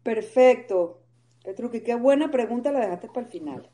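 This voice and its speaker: Woman guest, high and bright, animated storyteller in interview. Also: normal speed. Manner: animated, storytelling, acts out quoted dialogue. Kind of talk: conversational interview.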